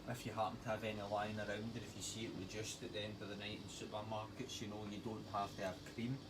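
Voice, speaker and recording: A Scottish man, a chef, giving a relaxed, chatty cooking demonstration and reading out recipe steps. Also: fairly low pitch, quick pace, heavy background noise. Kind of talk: casual cooking demo on a livestream.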